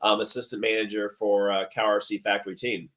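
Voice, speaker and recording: A man's voice: fairly low pitch, flat delivery, fairly quick, fairly bright tone. A man appearing as a guest on a podcast, talking eagerly with many restarts. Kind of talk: casual interview chat.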